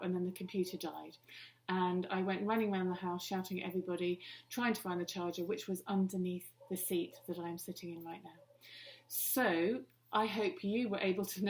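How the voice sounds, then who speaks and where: A woman hosting a guided wellbeing lesson, speaking calmly and slowing down for breathing cues. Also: fairly low pitch. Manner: calm, slows down for breathing cues. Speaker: wellbeing workshop host.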